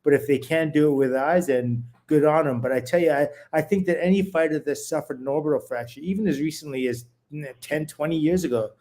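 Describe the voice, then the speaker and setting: A man's voice: fairly high pitch, fast talker, hardly any pauses, a little mellow. A man, a former boxer, co-hosting a boxing talk show, explaining at length with many restarts. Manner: rambling, restarts mid-sentence, explanatory. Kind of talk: casual boxing chat.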